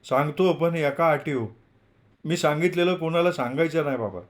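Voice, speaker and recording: A man's voice: fairly high pitch, moderate pace, voice pushed up, natural voice. A man reading a novel aloud, voicing a shy, nervous young male student in a raised, hesitant voice. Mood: hesitant, eager.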